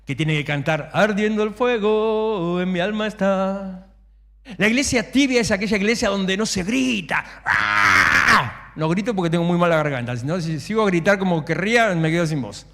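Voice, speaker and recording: Rioplatense male pastor, fairly high voice, lively and humorous delivery, long church reverb. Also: quick pace, vocal fry, few pauses, slight background noise. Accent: Rioplatense Spanish. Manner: animated, humorous, acts out shouting worshippers. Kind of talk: sermon. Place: church sanctuary. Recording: echoey church hall.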